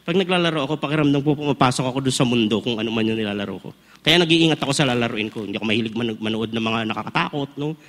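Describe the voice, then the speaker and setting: A man's voice: medium pitch, racing. A man in his forties preaching at a conference, telling funny personal stories and asking the crowd questions. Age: 40s. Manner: animated, humorous storytelling, asks the crowd questions. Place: large indoor conference hall. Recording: long reverb of a large hall.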